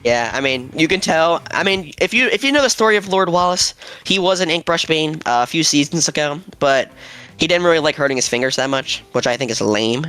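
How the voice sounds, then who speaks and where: A young man casting a competitive video game match, excitable and jokey, shouting at players on screen. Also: on the high side, fairly quick, clean tone, soft background music. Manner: hype, shouts at players, laughs often. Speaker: esports caster. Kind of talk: excited play-by-play commentary.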